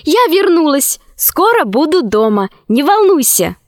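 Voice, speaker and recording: A woman voicing a lively, determined young girl in a children's story, speaking eagerly. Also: sits high, measured pace, no room sound, clean studio sound, voice pushed up.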